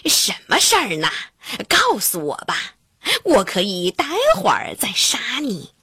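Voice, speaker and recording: A woman voicing a huge menacing male demon in a storybook, with a husky, lowered voice and a blustering manner. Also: huge pitch swings, unhurried, bright, forceful tone, no room sound, studio quality, full character voice. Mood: boastful. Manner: blustering, then wheedling. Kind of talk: storybook character voice.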